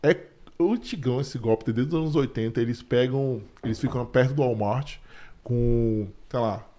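Male podcast host, casual and relaxed, mid-range voice. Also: mid-range voice, moderate pace. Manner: relaxed, frequent short agreements. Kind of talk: casual chat.

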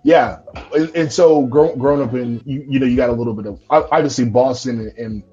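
A young man from North Carolina hosts a podcast interview, speaking casually with lots of fillers and restarts. His medium-pitched voice is warm with a breathy edge and fairly quick. The audio is a lo-fi live stream with faint music.

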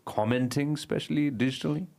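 A man's voice: a little high, fast, gravelly, a little mellow. A man hosting an interview, asking questions and tagging his sentences with "right?". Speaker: podcast host. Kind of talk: casual interview talk.

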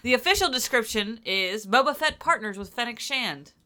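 A woman's voice: fairly high pitch, animated, moderate pace, sharp tone. A woman co-hosting a podcast in a casual chat, reading out episode details with lots of fillers, in a morning voice. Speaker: podcast co-host.

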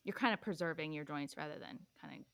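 A woman's voice: low-pitched, quick pace, creaky, clear, resonant tone, no room sound. A young woman talking casually as a podcast guest, rambling with lots of "like" and "um". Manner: rambling, full of "like" and "um". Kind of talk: casual chat.

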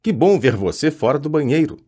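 A man's voice: fairly high pitch, sing-song, a little fast, warm tone, slightly rough, pitched above the performer's own voice. A man voicing a prim, anxious know-it-all schoolgirl.

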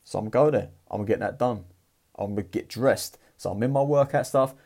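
Blunt, husky man. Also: mid-range voice, fast talker, darkish tone. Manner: blunt, profane and fired-up. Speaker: motivational vlogger. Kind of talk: casual motivational talk.

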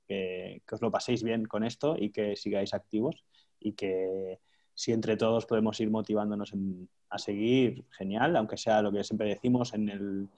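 A man from hosts a casual podcast in a halting way, often repeating his words. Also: fairly low pitch, steady tone, warm tone. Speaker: host, coach.

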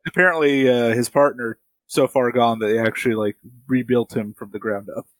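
Male podcast co-host, mid-pitched, casual chat, close dry recording. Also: steady tone, fairly quick, dry recording.

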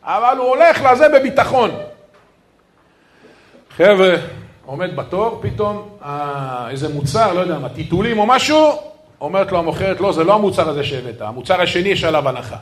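Lively rabbi telling stories. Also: male voice, high-pitched, long pauses. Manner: lively storytelling, addressing the crowd as "guys". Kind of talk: sermon with stories.

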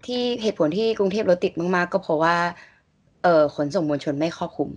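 A woman's voice: on the low side, brisk. A woman speaking politely in a casual conversation, giving short replies that end in the polite particle kha.

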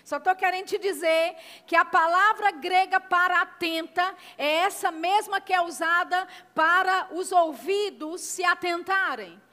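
High bright Brazilian woman preaching. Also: unhurried, hardly any pauses. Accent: Brazilian Portuguese. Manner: emphatic, asks the congregation for call-and-response. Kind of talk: sermon. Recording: long hall reverb.

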